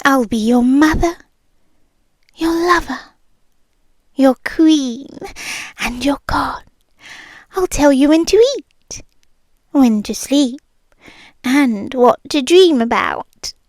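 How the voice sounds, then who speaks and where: In an ASMR roleplay, a woman with a British accent plays a possessive, obsessive young girlfriend, whispering softly and breathily in a high voice. She speaks very slowly, intimately, lingering on each word with menacing sweetness. Recorded on a close microphone, the sound is dry with no echo or room around it.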